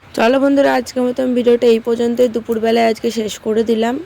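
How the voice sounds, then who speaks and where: A young mother, her voice hoarse and strained, chatting homely and casually to her viewers. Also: on the high side, steady tone, fast, a little hiss or hum. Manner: chatty, homely, soft baby talk with her daughter. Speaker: vlogger, mother. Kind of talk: casual vlog narration to viewers.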